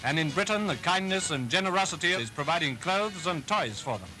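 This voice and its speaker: Man, old newsreel narrator, formal announcer delivery, fairly high pitch, music playing underneath. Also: lively intonation, fairly quick, rough recording. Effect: old archive newsreel sound.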